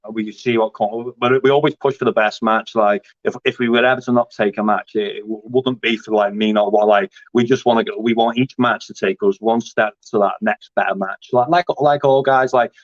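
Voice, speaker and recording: A grappling competitor in his 30s talks casually about his sport in an interview, rambling with plenty of fillers and restarts. His voice is lowish and steady, and he speaks briskly with hardly any pauses. The recording is dry, dull and lo-fi, with no echo.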